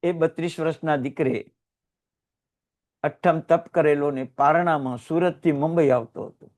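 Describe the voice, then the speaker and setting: A man preaching to a congregation in a fairly high voice. He tells heartfelt stories, swelling loud and then sinking to near whispers. He is a Jain teacher from Gujarat. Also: steady tone, unhurried. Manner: emotional storytelling with sudden rises and hushed drops. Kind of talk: sermon.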